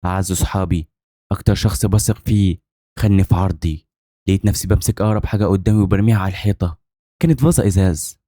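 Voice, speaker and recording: A man's voice: deep voice, rapid-fire, mellow, dry recording, clean studio sound. A man with an Egyptian accent narrating a dramatic first-person story, intense and brooding. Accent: Egyptian Arabic.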